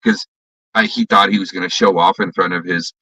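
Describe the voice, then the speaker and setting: A man's voice: sits low, steady tone, brisk, creaky, pushed and bright, slightly rough, dry recording. A man in a casual chat, telling a story in a heated, profane way, heard from a distance on a dull recording.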